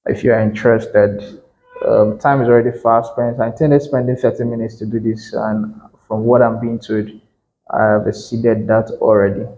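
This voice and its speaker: Male instructor with a mellow voice, lecturing realtors in a chatty, emphatic way that keeps correcting itself. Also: lowish voice, flat delivery, moderate pace, low-quality recording. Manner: conversational, self-correcting, emphatic. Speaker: real estate instructor.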